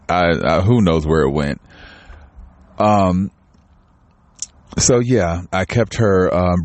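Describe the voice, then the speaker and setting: A man's voice: low-pitched, darkish tone, no echo. A man talking candidly in a home vlog, rambling with many restarts and growing tearful. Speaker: channel host. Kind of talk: casual personal vlog talk.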